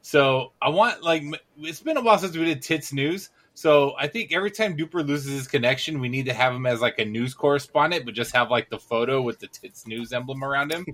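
A man's voice: medium pitch, expressive, a little fast, hardly any pauses, a bit bright, slight background noise. A man co-hosting a casual podcast, brash and blunt, swearing and joking freely. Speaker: podcast co-host. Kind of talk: casual chat.

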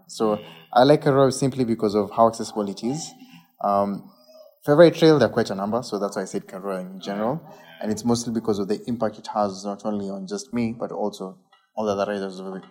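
A man's voice: fairly low pitch, fast, darkish tone. A man with a Kenyan accent talking casually as a guest about his riding hobby. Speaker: enduro mountain biker, guest. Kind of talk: casual conversation.

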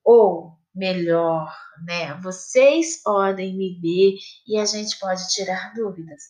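A woman teacher from Brazil with a Brazilian Portuguese accent, giving a recorded lesson to children in a slow, patient, sing-song questioning way. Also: medium pitch, darkish tone. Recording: echoey room.

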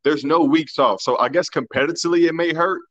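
A man's voice: a little high, brisk, fairly bright tone, no room sound, muffled recording. A man co-hosting a casual sports podcast, talking loosely and colloquially, often restarting his sentences.

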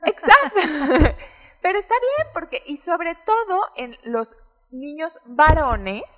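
A high-pitched woman speaks as an expert guest. She explains in a lively, animated way and slips into the voices of the parents she describes. The recording carries a long, roomy reverb. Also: takes it slowly, dull audio. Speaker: child psychology expert guest. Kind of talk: explanatory interview talk.

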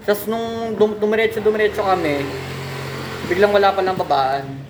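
A young man chatting casually with friends, explaining things in a halting, rambling way with many restarts. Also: high-pitched. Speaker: podcast co-host, episode's focus. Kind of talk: casual group chat. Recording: echoey room with steady noise.

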